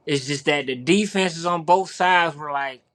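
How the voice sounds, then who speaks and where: A man's voice: fairly high pitch, measured pace, a bit bright. A male podcast co-host in casual sports chat, talking in a rambling way with many repeats and fillers.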